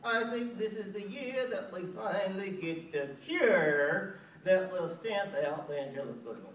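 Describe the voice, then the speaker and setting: A man's voice: high-pitched, expressive, unhurried, fairly bright tone, a little hiss or hum, voice pushed up. A man voicing a sassy, wisecracking male crow puppet with a folksy drawl, on a small theater stage. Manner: teasing, folksy drawl, cackling. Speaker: ventriloquist act. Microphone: stand mic from a far camera. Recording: echoey room from far off.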